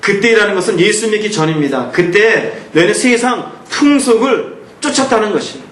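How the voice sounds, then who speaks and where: High-voiced Korean pastor in echoey sanctuary. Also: male voice, moderate pace. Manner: animated preaching, acting out angry outbursts then dropping to hushed tones. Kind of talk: sermon. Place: church sanctuary.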